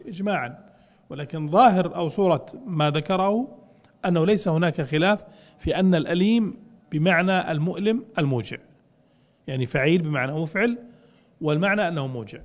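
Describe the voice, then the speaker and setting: رجل يشرح نصًا في درس، ويطرح أسئلة ثم يجيب عنها بنفسه. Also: male voice, a little high, lively intonation, quick pace, in a large hall. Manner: explains with questions he answers himself. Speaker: teacher explaining a classical text. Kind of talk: lecture.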